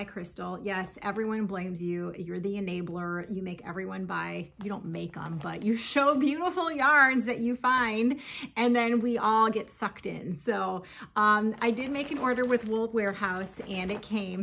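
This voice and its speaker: Woman in her 40s, casual crochet vlogger, chatty and giggly, light vocal fry, home kitchen. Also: mid-range voice, fairly bright tone, slight background noise. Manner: chatty, laughs often, reads labels aloud. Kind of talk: casual yarn haul chat.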